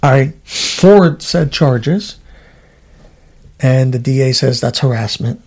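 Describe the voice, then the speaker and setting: Male podcast host, ex-trooper, casual, animated storyteller. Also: medium pitch, slow pace, slightly rough. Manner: animated, acts out voices in his stories.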